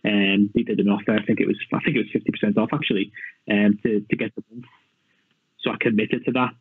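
A man's voice: on the low side, little pitch movement, quick pace, a little hiss or hum. A man chatting casually as a guest about his fitness journey, self-mocking and full of fillers. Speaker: podcast guest, personal training client. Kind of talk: casual chat. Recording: tinny phone-like line, dry.

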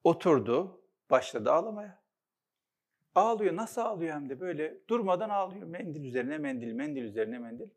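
A man's voice: a little high, sing-song, a little fast, husky. A middle-aged man, a psychologist and author, giving a reflective storytelling talk full of anecdotes. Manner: reflective, anecdotal, warmly earnest.

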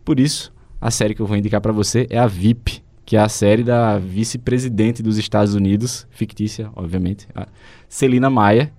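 A Brazilian man with a Brazilian Portuguese accent co-hosts a casual chat show and recommends a series, speaking in a lowish, steady, mellow voice at a moderate pace. He is hesitant, often restarting sentences and using fillers, and the recording has no echo.

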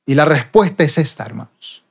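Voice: medium pitch, animated, brisk, breathy edge. A preacher from Bolivia, giving a sermon and reading scripture verses with rising emphasis.

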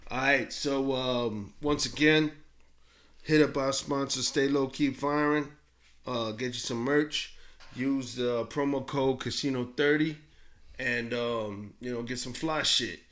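A man's voice: mid-range voice, slow pace, fairly bright tone. A man hosting a podcast in casual banter, with slangy, profane bro talk. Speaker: podcast host.

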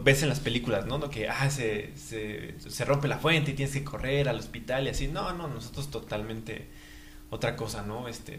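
A young man, chatting as a guest in an interview, halting with many fillers and breaking into laughs. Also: mid-range voice, a bit bright, reverberant, slight background noise. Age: young adult. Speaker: guest, new father. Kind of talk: casual interview chat.

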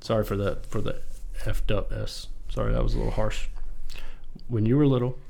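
A man's voice: lowish voice, steady tone, brisk, vocal fry, warm tone. A man hosting a podcast in casual chat, rambling and joking, with a loose tongue that slips into swearing. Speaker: podcast host.

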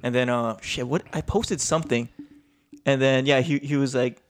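A man's voice: medium pitch, moderate pace. Laid-back man telling a rambling story. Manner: rambling storyteller, swears, laughs often, acts out quotes. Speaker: podcast co-host. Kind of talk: casual chat.

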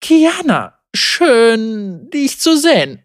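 A woman's voice: high voice, sing-song, measured pace, no echo, clean studio sound, pitched above the performer's own voice. A woman voicing a timid, anxious young prefect. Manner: hesitant, plaintive. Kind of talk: audiobook character voice.

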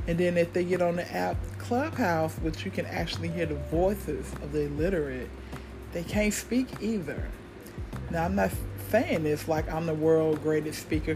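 A middle-aged American woman with a deep voice hosts a podcast solo. Her monologue is casual and rambling, and she comes across as blunt and cynical, swearing freely.

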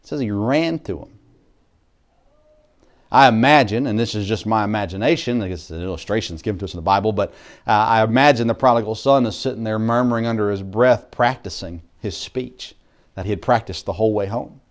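A man preaching a sermon as a pastor, earnest, with restarts, swinging between loud emphasis and quiet asides. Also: lowish voice, a little fast.

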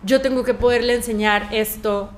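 A woman's voice: fairly high pitch, fairly even intonation, moderate pace. A Mexican woman speaking as an interview guest, talking at length with many fillers and acting out remembered conversations. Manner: talkative, fillers, acts out quoted exchanges.

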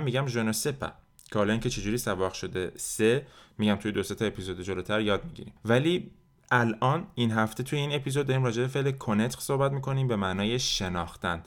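A man with a fairly low voice runs a French lesson podcast. He drills verb forms slowly and deliberately, then rattles through explanations in easy, casual talk. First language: Persian. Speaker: French teacher and podcast host.

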